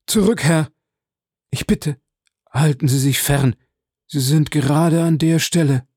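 A man's voice: on the low side, fairly even intonation, normal speed, vocal fry, a little mellow, dry recording, studio quality. A man voicing a terrified, superstitious male steward who stammers and pleads. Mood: pleading.

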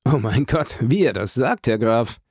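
A man's voice: medium pitch, lively intonation, measured pace, a little mellow, husky, dry recording, clean studio sound. A man reading an audiobook, voicing a distraught young woman who pleads and exclaims. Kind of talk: audiobook character voice.

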